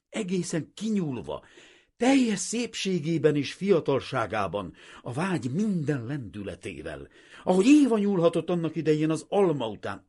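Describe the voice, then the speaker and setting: A man's voice: fairly high pitch, darkish tone, husky, voice pushed up. Man doing a cheeky, broke young painter.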